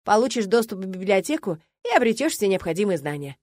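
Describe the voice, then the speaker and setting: A woman voicing a polite, composed young male student who is quietly scheming. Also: medium pitch, big pitch swings, quick pace, no room sound. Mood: smug.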